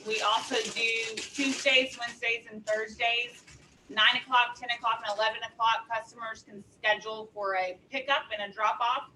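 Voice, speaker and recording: A woman's voice: fairly high pitch, steady tone, moderate pace, pushed and bright. A woman on a video call, explaining her store's services with hesitant, um-filled answers. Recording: distant mic with faint room noise.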